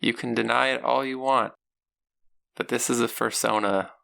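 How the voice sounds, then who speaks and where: Man, podcast co-host, gravelly voice, bright edge, deadpan jokes. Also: mid-range voice, moderate pace. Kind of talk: casual chat.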